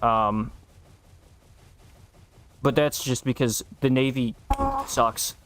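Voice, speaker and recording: A man's voice: medium pitch, steady tone, very slow, fairly bright tone, slight background noise. A young man streaming a game and chatting casually, blunt and profane, bantering with his co-host. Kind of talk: casual chat while gaming.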